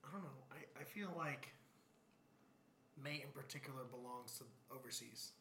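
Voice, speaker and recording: A man's voice: mid-range voice, moderate pace, bright, forceful tone, slight background noise. A man co-hosting a podcast, teasing his friends with crude, slangy banter. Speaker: podcast co-host. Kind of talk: casual chat.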